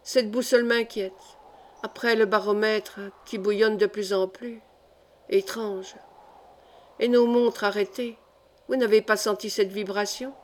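A woman's voice: medium pitch, fairly even intonation, a little slow, natural voice. A woman reading the lines of a brooding male astronomer in an audiobook, curt and grumbling. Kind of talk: audiobook character voice.

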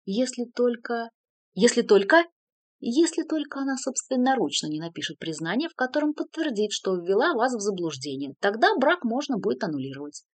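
A woman's voice: on the high side, very animated, dry recording, pitched above the performer's own voice. A woman voicing a stately cardinal. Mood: measured calm. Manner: slow, measured, placating. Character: stately male cardinal, calm and measured.

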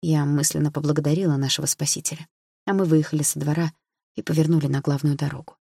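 A woman narrating a novel in the first person, calm and even, close to the mic. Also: low-pitched, fast, gravelly, breathy edge, dry recording. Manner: calm, even storytelling with inner thoughts. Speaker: audiobook narrator.

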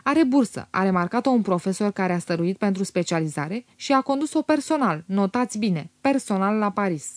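A woman's voice: medium pitch, lively intonation, hardly any pauses, dry recording, natural voice. A woman reading the lines of a pushy, scheming young man in an audiobook. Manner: pushy, insinuating. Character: talkative, scheming young man, sly meddler.

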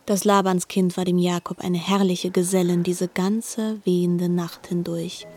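Softly spoken female narrator. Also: on the low side, level tone, a little slow, faint music behind. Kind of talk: literary radio narration.

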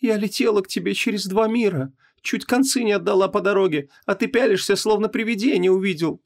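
A man voicing a desperate, furious young wife in an audiobook, his voice pushed high and shrill as she pleads and yells. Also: fairly quick, gravelly. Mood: pleading. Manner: shrill, pleading turning to yelling.

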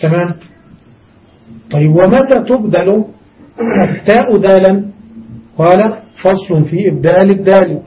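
High-voiced man teaching from off-mic. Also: unhurried, pauses often, recorded from a distance. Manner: explains step by step, repeats examples, asks students questions. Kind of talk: grammar lesson. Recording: dull recording from off-mic.

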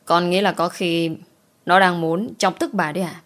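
A woman's voice: on the low side, steady tone, normal speed, fairly bright tone, natural voice. A woman voicing a young maidservant who speaks politely and deferentially. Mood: accusing. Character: young maidservant, meek but quick-witted.

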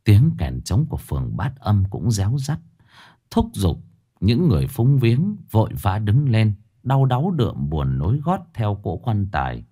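A man's voice: mid-range voice, mellow. A man narrating a horror story in a dramatic, scripted style with swinging intonation.

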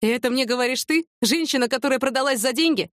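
A woman's voice: high-pitched, fast, a bit bright, dry recording, clean studio sound, pitched above the performer's own voice. A woman voicing a mocking, sarcastic middle-aged police lieutenant colonel in an audiobook. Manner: sarcastic, teasing.

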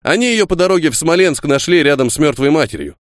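A man's voice: fairly high pitch, expressive, fast, no echo, clean studio sound, voice pushed up, lightly acted. A man voicing a retired army sergeant and estate servant, giving his report in dutiful, soldierly folk speech.

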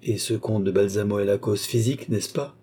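A man plays an anxious aging philosopher in an audiobook. He speaks nervously and cautiously, in a low, dark and husky voice. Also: fairly even intonation, brisk. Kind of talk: audiobook reading.

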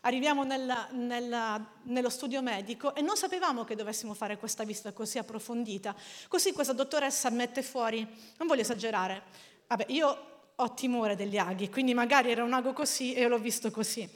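A woman delivers a sermon in a high, bright voice. She tells stories in an animated way and often laughs along the way. Her voice rings out with a long reverb through a church hall. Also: a little fast. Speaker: preacher.

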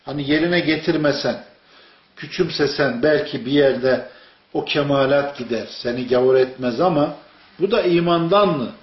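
A man with a voice on the high side speaks at normal speed, preaching informally to a small group. He tells stories and puts questions to his listeners, and the room is echoey with dull, lo-fi sound.

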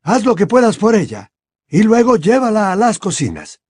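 A calm, commanding old headmaster of wizards, as the audiobook reader puts him on, raised high above a deep natural voice, husky, with a lively, swinging pitch. Every word is weighed and grave. The voice is dry and close, with no room around it. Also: male voice, dry recording, full character voice. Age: over 60. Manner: measured, deliberate, grave. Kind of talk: audiobook character voice.

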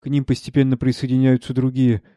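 Quiet man reading stage directions. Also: monotone, fast talker, no room sound, studio quality. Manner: quiet, low, subdued delivery. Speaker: reader of a play.

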